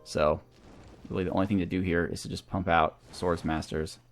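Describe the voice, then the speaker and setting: A man hosts a gaming series, playing through a video game and thinking aloud in a casual way as he weighs his options. His voice sits low with a level tone, and he talks fairly quickly over background music.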